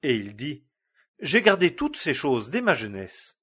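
A man giving a measured scripted reading of scripture, lifting his voice for the cries. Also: mid-range voice, sing-song, bright, forceful tone, husky. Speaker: Bible reader.

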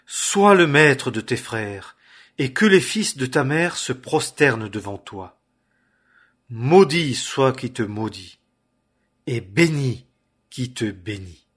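A man reading the lines of an aged blind father in a solemn, measured way. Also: medium pitch, a bit bright, slightly rough.

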